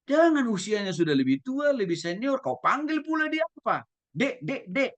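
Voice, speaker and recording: A man's voice: extremely high pitch, a little fast, muffled recording. A male pastor giving a teaching sermon, asking his listeners questions and acting out examples. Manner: lively, asks listeners questions, acts out examples.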